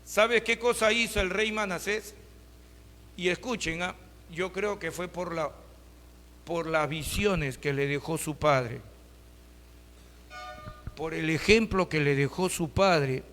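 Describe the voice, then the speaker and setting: High, bright-voiced pastor preaching. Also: male voice, slow pace, long pauses, long reverb tail. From Peru. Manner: rhetorical questions, addresses listeners as brothers. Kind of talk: sermon.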